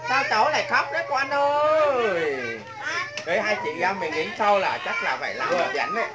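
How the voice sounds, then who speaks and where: A woman's voice: mid-range voice, sing-song, moderate pace, heavy background noise. An older woman hosting a casual livestream vlog, chatting and greeting viewers by name. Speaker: vlog host.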